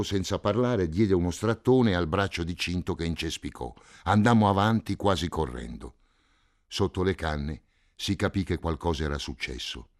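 Male literary audiobook narrator, very low voice, measured pacing, quiet falling phrase ends. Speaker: narrator reading a novel.

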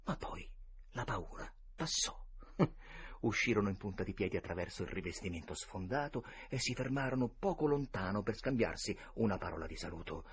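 A man's voice: lowish voice, animated, normal speed, slight background noise. A man narrating a classic novel as an audiobook with a dramatic, varied delivery. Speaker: audiobook reader. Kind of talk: expressive storybook narration.

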